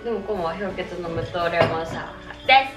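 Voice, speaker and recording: A woman's voice: lowish voice, fairly quick, distant mic, loud music behind the voice. A drunk woman in her twenties chatting playfully and casually with a friend. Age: 20s. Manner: tipsy, playful. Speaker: vlogger. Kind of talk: casual tipsy chat with a friend. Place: small living room, on a sofa. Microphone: camera a few metres away. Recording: roomy echo, off the mic.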